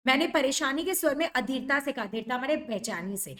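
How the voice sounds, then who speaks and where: Young woman teacher going through a novel line by line, high voice, explains everything simply. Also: animated, brisk, fairly bright tone. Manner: reads a passage, then explains it simply.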